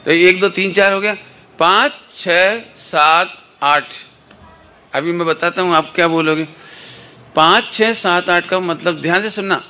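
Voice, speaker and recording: A man's voice: high-pitched, unhurried, sharp tone. A man teaching children religious slogans, playfully coaxing them through call-and-response chants counted out in rhythm.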